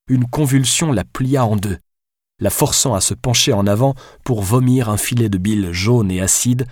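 A man narrating a novel as an audiobook, reading in a measured, even way. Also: fairly low pitch, dry recording, studio quality.

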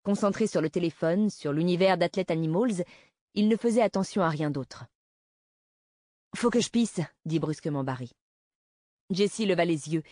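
A woman narrating a novel in a steady, measured reading style. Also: on the low side, no room sound, clean studio sound. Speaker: audiobook narrator. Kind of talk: scripted narration.

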